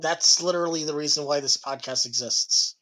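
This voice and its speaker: A man's voice: on the high side, brisk, pushed and bright, poor audio. A man from New Jersey in a casual podcast chat, talking hesitantly, doubting himself and laughing often. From New Jersey, USA. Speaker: podcast host being interviewed.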